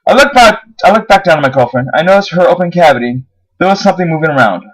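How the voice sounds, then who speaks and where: Man reading a lively horror story. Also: fast talker, rough recording. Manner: lively, rising pitch on dramatic moments. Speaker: narrator.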